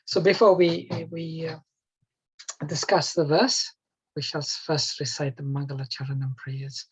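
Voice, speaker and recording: A woman's voice: sits low, little pitch movement, a little slow, slightly rough, rough recording. A woman leading an online scripture class, talking informally and reciting prayers, heard through an online call. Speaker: class leader and teacher.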